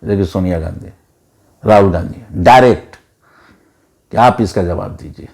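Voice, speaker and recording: A man delivers an opinionated commentary monologue. His voice sits a little low and sounds mellow and warm. He lectures emphatically, often repeating words to drive his point home. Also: normal speed, creaky. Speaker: political commentator.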